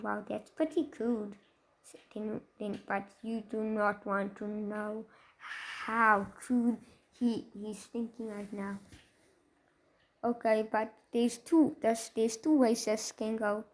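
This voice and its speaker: A woman's voice: on the high side, steady tone, takes it slowly. A tired woman improvising a fan story, rambling with many restarts and asides.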